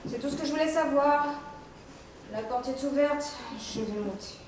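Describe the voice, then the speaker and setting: A woman's voice: high-pitched, moderate pace, a little hiss or hum, lightly acted. A teenage girl playing a stiff, formal male court bailiff in a school stage play, speaking officiously. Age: teens. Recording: echoey hall from far off.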